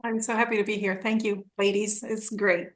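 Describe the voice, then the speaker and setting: A woman in her forties from Argentina tells her story as a podcast guest in a rambling, casual way, restarting sentences and acting out quoted dialogue with laughs. Her voice is medium-pitched, level in tone, and moderately paced.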